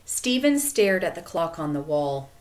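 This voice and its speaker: Slow, expressive woman reading a storybook. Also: sits low. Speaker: audiobook narrator. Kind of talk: storybook narration.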